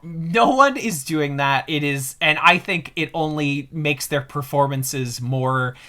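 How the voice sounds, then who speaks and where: A man's voice: a little high, slow. A man co-hosting a film podcast, talking casually and animatedly, swearing often and joking as he goes. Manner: swears a lot, animated and jokey. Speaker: podcast co-host.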